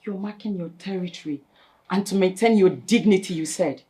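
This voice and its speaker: An actress playing a level-headed friend who questions and challenges a scheming wife. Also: female voice, medium pitch, fairly quick, mellow, close to an everyday voice. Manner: reasoning, challenging. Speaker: concerned friend.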